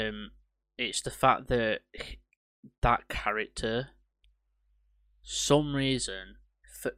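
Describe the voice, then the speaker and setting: A man's voice: on the low side, clear, resonant tone, no room sound. A man, hosting a casual podcast that reviews films, rambling and swearing casually. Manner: rambling, swears casually, animated when ranting. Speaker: podcast host. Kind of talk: casual film review chat.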